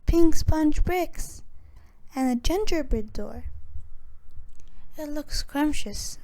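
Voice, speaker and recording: A woman's voice: high-pitched, expressive, takes it slowly, mellow, no echo, pitched above the performer's own voice, heavily acted. A woman voicing a brave, clever young girl who talks eagerly. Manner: eager, exclaiming.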